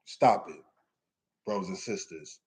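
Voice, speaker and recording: Speaking low and a little slowly, a man teaches scripture to a congregation in an informal sermon. His mellow voice has a breathy edge as he exhorts listeners with emphatic lines and rhetorical questions.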